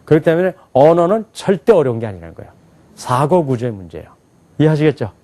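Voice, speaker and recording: A man lectures a room of students. He talks with plenty of lift and fall in a slightly high voice, firing questions at the class and laughing as he goes. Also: fast talker. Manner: animated, asks the class questions and laughs often. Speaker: English teacher at an alternative school.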